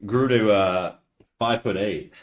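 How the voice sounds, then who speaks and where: This livestreaming artist talks with a fairly low voice at a measured pace as he draws. His casual chatter wanders, is full of swearing and self-mockery, and he often starts sentences over.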